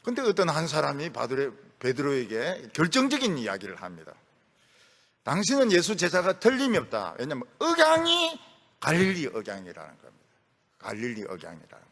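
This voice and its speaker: Korean pastor preaching with wide swings. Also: male voice, fairly high pitch, fairly bright tone. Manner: storytelling with acted quotes and humor, voice rising and dropping sharply. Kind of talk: sermon.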